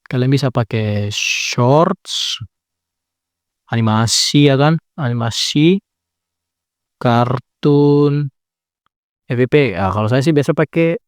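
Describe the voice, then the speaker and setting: Medium-pitched, clear and resonant, the young tutorial creator keeps things laid-back, peppering his step-by-step editing walkthrough with filler tags. It's a casual screen-recording tutorial, captured in clean studio sound without echo.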